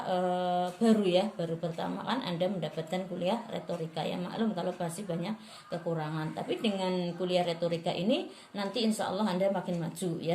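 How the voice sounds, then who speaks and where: Lively woman lecturer in an echoey room. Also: on the low side, slight background noise. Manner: lively, models speech intonation aloud. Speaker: lecturer in rhetoric. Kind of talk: classroom lecture.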